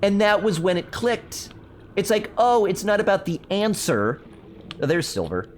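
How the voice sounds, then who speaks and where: A man's voice: high-pitched, big pitch swings, moderate pace, a little hiss or hum. A young man chatting casually while streaming a survival game, rambling through stories and answering his chat. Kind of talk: casual gameplay commentary.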